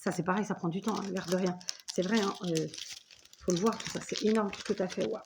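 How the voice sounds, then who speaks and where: A woman's voice: mid-range voice, steady tone, brisk, heavy background noise. A woman in her forties hosting a scrapbooking video at home, chatting enthusiastically as she opens gifts and thanks the sender. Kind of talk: casual unboxing chat.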